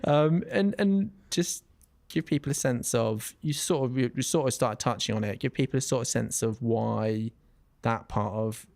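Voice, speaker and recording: A man's voice: medium pitch, normal speed, creaky, darkish tone, no room sound. A man hosting an interview, asking rambling questions and correcting himself as he goes. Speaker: radio interviewer, host.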